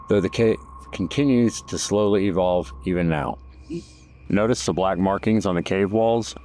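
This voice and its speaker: Male narrator for a guided-tour documentary: fairly low voice, formal scripted read. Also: a little mellow, slight background noise.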